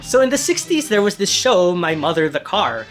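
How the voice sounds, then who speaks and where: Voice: mid-range voice, big pitch swings, normal speed, faint music behind. A narrator reading a scripted video essay in a conversational tone with wry asides.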